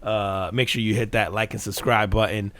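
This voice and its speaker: A man's voice: fairly low pitch, steady tone, normal speed, fairly bright tone. Frat-bro American man, casual and profane. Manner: frat-bro slang, calls people bro and man. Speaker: podcast host.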